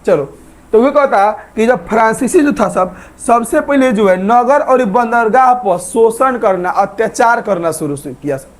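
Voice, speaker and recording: A man with a very high voice teaches an online exam-prep history lesson at a measured pace, repeatedly posing questions and answering them himself. He asks viewers to like and subscribe.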